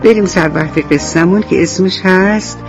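A woman's voice: lowish voice, over music. A woman telling a bedtime story to children on the radio, speaking to them directly and affectionately, in a lo-fi recording.

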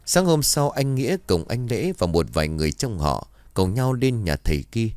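A man narrating a ghost story from a script, with lively intonation. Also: fairly low pitch, moderate pace, no room sound. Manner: reads all characters in his own voice, lively intonation.

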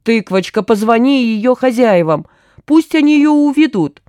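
A woman reader voicing a timid, whiny grown man who pleads and complains in a shrill, raised voice. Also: sing-song, moderate pace, dark tone, no room sound, clean studio sound. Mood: pleading whine. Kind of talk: audiobook character voice.

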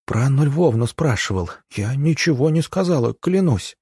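A man voicing a timid, earnest young female village nurse who talks in anxious, hurried pleas. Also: medium pitch, lively intonation, a little mellow, breathy edge, no echo, studio quality, pitched above the performer's own voice.

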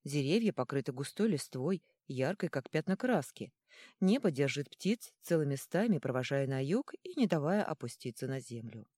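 A woman voicing a calm, reasoned and very polite male pack leader in a storybook. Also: sits low, normal speed, dry recording, clean studio sound. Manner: calm, courteous.

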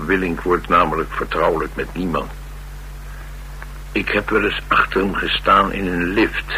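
In a naturalistic radio play, a cocky, restless Dutch loner on the run trades flippant, sardonic, streetwise banter. His very low voice carries a bright, forceful edge. The low-quality recording has a faint hum and hiss underneath.

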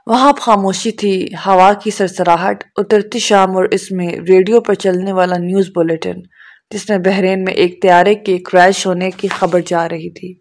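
Woman narrating a novel, measured. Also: mid-range voice, steady tone, a little mellow.

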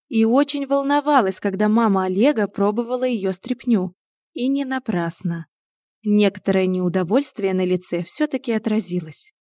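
A woman reads a storybook tale aloud with lively, wry emphasis. Her voice sits at an ordinary middle pitch and is recorded close and dry. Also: no echo. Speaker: narrator. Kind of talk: expressive storybook narration.

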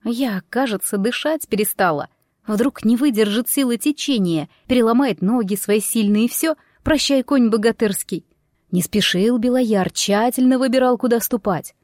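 A woman's voice: a little high, normal speed, dry recording, studio quality. Woman narrating a folk tale. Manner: expressive folk-tale reading with voiced character lines. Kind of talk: storytelling audiobook narration.

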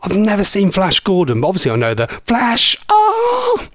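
A man's voice: high voice, lively intonation, fast, dry recording. A man hosting a radio show, chatting in a rambling, self-deprecating way from a studio microphone. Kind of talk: casual radio chat.

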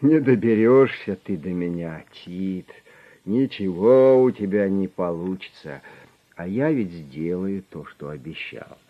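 A man voicing a calm, menacing middle-aged gang boss who mocks his captive with cold smugness. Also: low-pitched, measured pace, muffled recording. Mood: cold, mocking. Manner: smug, coldly mocking.

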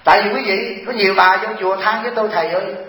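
A man's voice: sits high, fairly even intonation, racing, sharp tone. A man, a Buddhist monk giving a folksy Dharma talk to lay followers and often asking them rhetorical questions. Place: temple or meeting hall with an audience. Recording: roomy hall echo.

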